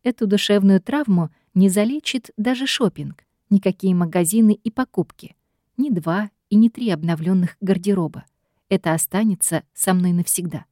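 A woman reads first-person fiction aloud with expressive, ironic storytelling. Her voice is warm and mellow. The recording is dry and close. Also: mid-range voice, no room sound. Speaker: audiobook narrator.

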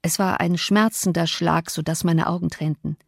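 A woman narrating an audiobook in a measured, expressive way, recorded close to the mic. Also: lowish voice, vocal fry, dry recording. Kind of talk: scripted narration.

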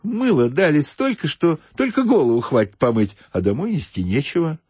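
A man's voice: on the high side, big pitch swings, moderate pace, a little mellow, slightly rough, dry recording, voice pushed up. A man voicing a shaggy-haired, fretful fellow who talks in raised, worried questions. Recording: dull dry lo-fi recording.

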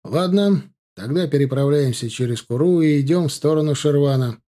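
A man voicing a calm general who lays out a march plan in a decisive, measured way. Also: a little high, lightly acted.

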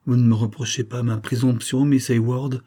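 A man's voice: mid-range voice, fairly even intonation, normal speed, mellow, slightly rough, pitched above the performer's own voice, lightly acted. A man voicing a shy, lovesick young schoolmaster in an audiobook, pouring out his feelings. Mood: passionate. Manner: passionate, trembling.

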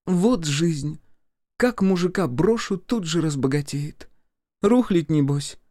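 A man's voice: on the high side, animated, slow pace, a little mellow, dry recording, voice pushed up. A bitter, weary ex-wife speaks with a sighing sarcasm, put on by a male reader. Her voice sits well above the narration and lands dry and close to the mic. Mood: sardonic.

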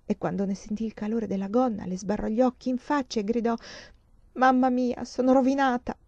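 A woman's voice: mid-range voice, fast talker, creaky, husky, dry recording, lo-fi sound. Woman reading a novel expressively. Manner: expressive, swings between hushed and loud passages. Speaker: reader of a novel. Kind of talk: audiobook reading of literary fiction.

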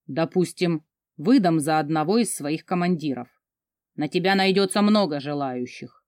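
A woman's voice: sits low, normal speed, darkish tone, dry recording, studio quality, lightly acted. A woman voicing an arrogant, cold male commander who taunts and mocks. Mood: taunting. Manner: taunting, mocking.

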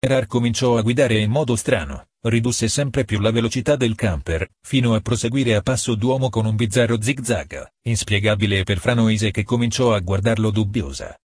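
A man reading a novel aloud, calm and measured, partly in the first person. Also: on the low side, breathy edge, no room sound, clean studio sound. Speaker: audiobook reader.

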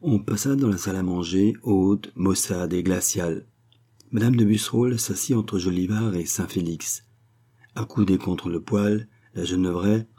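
A male audiobook reader narrating a novel at a measured, even pace. His voice sits very low and dark, with a husky grain to it.

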